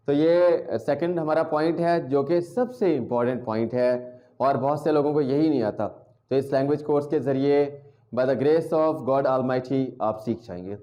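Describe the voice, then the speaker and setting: A man teaching an English language lesson, drilling words and sounds slowly and repeating each one. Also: medium pitch, warm tone.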